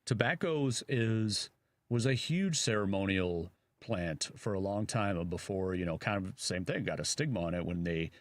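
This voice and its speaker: A man's voice: sits low, animated, moderate pace, dry recording. A man with a Chicago accent, co-hosting a radio talk show and chatting casually in a rambling way, full of fillers. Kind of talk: casual chat.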